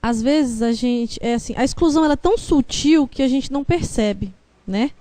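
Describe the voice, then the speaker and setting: A woman's voice: high-pitched, normal speed, warm tone, dry recording. A woman from Brasília with a Brazilian accent, a student asking the lecturer a question in a hesitant, searching way. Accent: Brazilian Portuguese.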